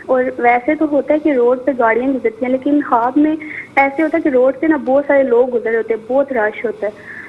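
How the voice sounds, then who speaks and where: High tinny phone caller, a woman. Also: husky. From Pakistan. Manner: long hesitant narration with fillers. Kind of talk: telling a dream over the phone.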